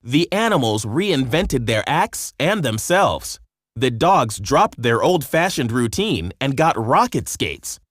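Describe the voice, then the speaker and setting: With studio-quality audio and no room sound, a man with a mid-range voice performs a scripted children's story, measured and expressive as he narrates.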